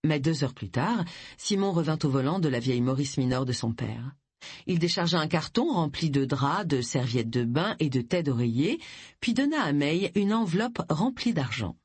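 An expressive audiobook narrator with a lively, wide-ranging intonation. The slightly husky voice is recorded close and dry, with no room sound. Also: medium pitch, moderate pace, no room sound. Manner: expressive storytelling. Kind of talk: scripted narration.

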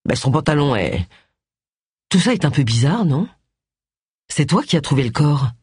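Reader doing male police inspector, grave, wary, a bit lower voice, husky tone, dry sound. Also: very animated, moderate pace, darkish tone, no room sound. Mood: somber. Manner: breathless at first, then somber.

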